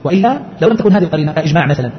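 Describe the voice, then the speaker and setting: Fast-talking man teaching a text. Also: fairly high pitch, animated, slight background noise. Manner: quick scholarly explanation, rhetorical questions. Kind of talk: explaining a text. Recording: muffled lo-fi lecture recording.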